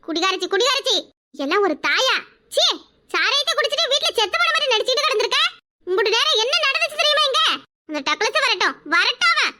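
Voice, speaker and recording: A fiery village daughter from a cartoon, voiced by a woman, scolding hard. Her voice is extremely high, bright and piercing. She fires off harsh, accusing words. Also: big pitch swings, normal speed, a little hiss or hum, full character voice. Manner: scolding, shouting at her mother. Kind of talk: cartoon voice acting.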